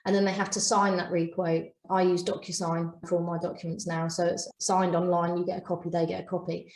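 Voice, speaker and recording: A woman's voice: lowish voice, flat delivery, fairly quick, a little mellow, slight background noise. A woman co-hosting a business podcast, giving firm, practical advice. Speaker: podcast co-host. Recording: echoey room.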